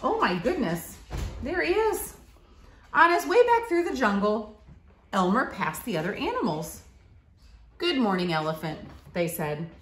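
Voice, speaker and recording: Her pitch swings widely in this clip, staying on the high side and a bit bright, while she reads a little slowly and pauses often. The thirties-aged school staffer sits on a living room leather couch, sharing a picture book with a child in simple, teacherly language. The camera is a short distance away, and the echoey room adds a little hiss or hum.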